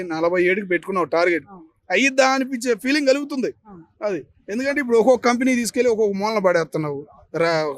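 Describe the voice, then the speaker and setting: Fast-talking, high-voiced Andhra Telugu man. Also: no echo. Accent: Andhra Pradesh Telugu. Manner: emphatic, fires rhetorical questions. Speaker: member of the public giving opinion. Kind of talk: street interview opinion.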